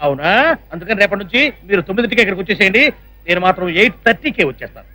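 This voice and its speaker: A man's voice: high-pitched, rapid-fire, pushed and bright, dry recording. A man playing a pompous former army man who coaches a team, barking orders. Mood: commanding. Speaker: sports coach. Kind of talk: comic film dialogue.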